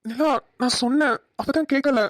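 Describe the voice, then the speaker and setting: A woman doing a gentle young husband. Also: high voice, normal speed, dry recording, close to an everyday voice. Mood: pleading. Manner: soft, coaxing, apologetic. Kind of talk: cartoon voice acting.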